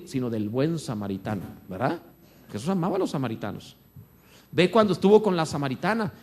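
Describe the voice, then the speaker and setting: A man preaching a sermon as pastor, swinging between loud emphatic lines and hushed ones. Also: high voice.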